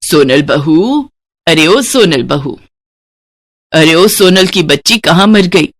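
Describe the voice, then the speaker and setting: A woman voicing a harsh older mother-in-law in a cartoon, who shouts and hurls mocking insults at her daughter-in-law. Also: low voice, animated, slow, full character voice. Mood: scolding.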